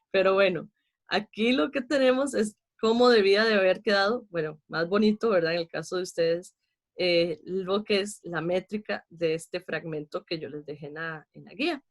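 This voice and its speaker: A Costa Rican woman, an adult with a child, teaches an online class in a mid-range voice at a moderate pace. She patiently explains poetry meter step by step, counting syllables aloud.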